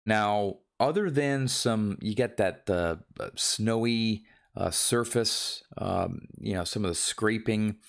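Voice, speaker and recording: A man with a fairly low voice hosts a top ten countdown. His commentary is casual and conversational, clearly unscripted. He often thinks aloud, hesitating as he works out what to say. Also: slow pace. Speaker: presenter of a collectibles countdown.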